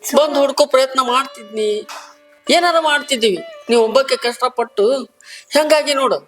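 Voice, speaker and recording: Guy playing worried big brother, north karnataka kannada accent, keeps pleading, soft music under. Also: very high-pitched, a little fast. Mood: anxious. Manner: earnest and pleading, repeated questions. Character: caring older brother, poor laborer. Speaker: actor in a short film. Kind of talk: village family drama acting.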